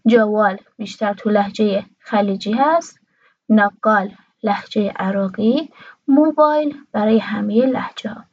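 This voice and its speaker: A woman giving a language lesson, saying each word slowly and repeating it twice for the listener. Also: medium pitch, no room sound, muffled recording. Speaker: Arabic teacher.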